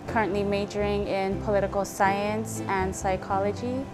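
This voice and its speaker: A woman's voice: mid-range voice, flat delivery, moderate pace. Young woman from Fiji over music. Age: young adult. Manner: soft-spoken with frequent "um" fillers. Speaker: student lighting technician. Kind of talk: documentary interview. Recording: music bed under the voice.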